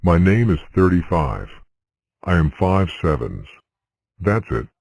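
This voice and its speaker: A man voicing a deep-voiced cartoon number character in a fan cartoon, speaking in a slow, lively sing-song way. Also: gravelly, no room sound, exaggerated voice. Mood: cheerful.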